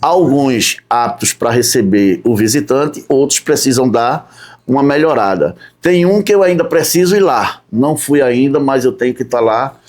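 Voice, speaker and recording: A man from Recife chats as a podcast guest. He talks at an unhurried pace, listing his jobs one by one and tagging his sentences with a questioning "né?". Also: medium pitch, lively intonation, a little mellow. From Recife, Brazil. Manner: unhurried, lists his work step by step with frequent "né?". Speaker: podcast guest, tourism guide. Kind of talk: casual interview chat.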